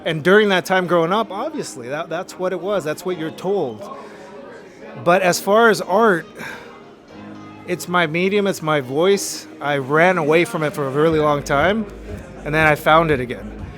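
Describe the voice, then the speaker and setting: Earnest LA-raised artist, a man, talking reflectively in an interview, pitched a little high, with music underneath. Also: moderate pace, fairly bright tone. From Los Angeles. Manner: earnest, motivational.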